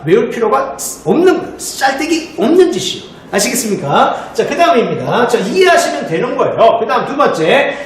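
A man teaching English in a remote lesson for middle school students, explaining step by step and answering his own questions. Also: extremely high pitch. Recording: echoey room, faint noise.

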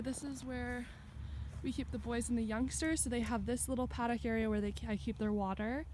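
With her phone at arm's length, a twenty-something vlogger chats brightly while touring a farm and barn, pointing things out both outside and indoors. She has a high-leaning voice with a somewhat dark tone. The audio carries a slight hiss or hum.

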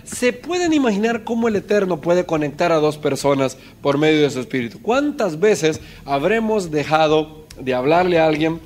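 High-voiced male preacher telling a story. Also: big pitch swings, normal speed, darkish tone, a little hiss or hum. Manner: storytelling, asks the congregation questions. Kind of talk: sermon.

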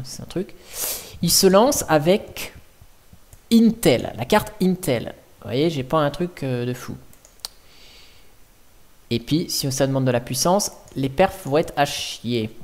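A man's voice: fairly high pitch, darkish tone. A man hosting a casual screencast tech tutorial at his home computer, thinking aloud and chatting in informal slang.

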